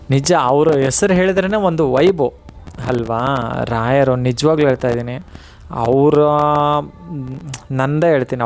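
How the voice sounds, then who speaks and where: A man's voice: medium pitch, darkish tone. A man giving a devotional motivational talk straight to the viewer, earnest and coaxing, repeating himself and asking for agreement.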